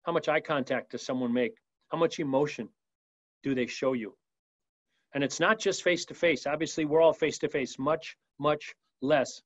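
A man's voice: fairly high pitch, normal speed, dry recording, lo-fi sound. Upbeat man leading a webinar. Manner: lively, emphatic, acts out sample voicemails. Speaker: webinar presenter. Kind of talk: energetic business training talk. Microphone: video call mic.

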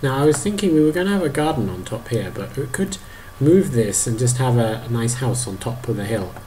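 A man in his thirties narrating a video game to his toddler, animated, exclaiming and making playful sound effects. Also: mid-range voice, a little fast, slight background noise. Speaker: parent playing a video game.

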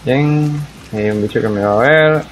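Gaming commentator: young man, mid-pitched, chatty, talking to himself over faint background music. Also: measured pace, poor audio. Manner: chatty, reacts aloud to the game, talks to himself. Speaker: gaming YouTuber. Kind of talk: casual let's-play commentary.

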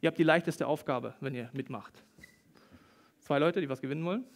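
A man preaching a lively sermon to a congregation, reading Bible passages and acting out the quoted voices. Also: a little high, brisk, vocal fry. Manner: animated, acts out quoted voices, talks directly to the congregation. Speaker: pastor. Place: church service hall with an audience. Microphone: stage microphone.

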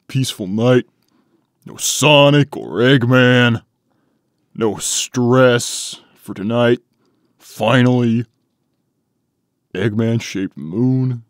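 A man voicing a gruff, easily irritated young echidna guardian in a cartoon comic dub, brooding and terse. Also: mid-range voice, no echo, clean studio sound. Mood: weary. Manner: brooding and terse, quick to get indignant.

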